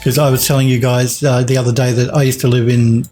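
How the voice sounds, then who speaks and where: A man's voice: medium pitch, level tone, fast, mellow, faint music behind. Chatty Australian man streaming. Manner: rambling, chatty, many restarts and chuckles. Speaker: 3D modelling streamer. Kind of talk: casual live-stream chat reading viewer comments. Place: home studio at a desk.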